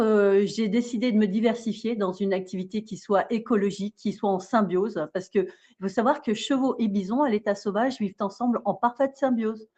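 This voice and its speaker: A woman's voice: mid-range voice, darkish tone. A woman raised in Australia, a bison farmer, explaining her work at length in a casual interview, and laughing easily. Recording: dull lo-fi sound.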